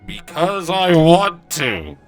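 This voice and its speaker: A man's voice: a little high, very animated, slow, faint music behind. Man talking through a hollow pipe. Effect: voice talking through a long plastic pipe, hollow tube sound. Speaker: tabletop game player. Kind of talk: casual game-table chat.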